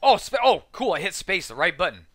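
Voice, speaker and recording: A man giving casual, chatty let's-play commentary as he plays a game on the keyboard, excitable and self-deprecating, with frequent exclamations. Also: high-pitched, a little fast. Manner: talks to himself while playing on a keyboard. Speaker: gaming video host.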